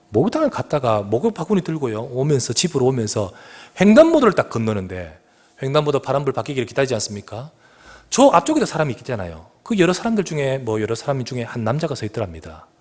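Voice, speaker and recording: A man preaching a sermon as pastor of his church, telling a story with sudden loud emphatic rises and hushed drops. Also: mid-range voice, husky. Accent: Korean. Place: church sanctuary.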